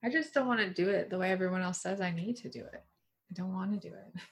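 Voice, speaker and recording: A woman's voice: on the low side, fast talker, vocal fry. A woman in her thirties co-hosting a podcast, talking casually and laughing often. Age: 30s. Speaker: podcast co-host. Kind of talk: casual chat.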